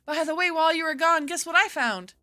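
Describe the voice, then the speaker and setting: A woman's voice: high-pitched, moderate pace, bright, forceful tone, clean tone, voice pushed up. A woman voicing an eager, fussy young male diner worker. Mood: excited.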